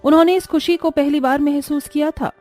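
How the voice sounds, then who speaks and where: A woman narrating a cartoon story in a gentle, moralizing storytelling voice. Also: sits high, steady tone, a little fast, soft background music.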